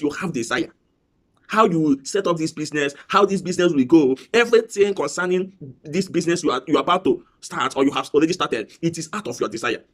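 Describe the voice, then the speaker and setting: Preacherly man coaching on business. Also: a little high. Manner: repetitive, preacherly emphasis. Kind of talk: motivational business talk.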